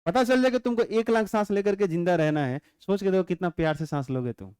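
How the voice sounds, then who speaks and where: A man teaching a physics class with a high, clean, ringing voice. He explains unhurriedly and chats with his students, dropping joking asides and constantly asking if they follow. The sound is close and dry, with no room around it. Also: quick pace, a little mellow, clear, resonant tone, dry recording. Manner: chatty, joking asides, constant rhetorical check-ins. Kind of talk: classroom lecture.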